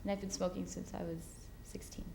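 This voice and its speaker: A woman's voice: fairly low pitch, level tone, brisk, vocal fry, mellow, slight background noise. Frank, self-laughing woman in her twenties. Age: 20s. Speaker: interviewee. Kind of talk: candid interview answers.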